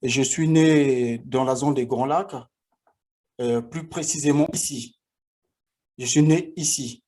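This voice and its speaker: Man, 40s, unhurried, mellow dark tone, hesitant personal vlog. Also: medium pitch. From Republic of the Congo. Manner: halting, repeats himself, frequent hesitations. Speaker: vlogger.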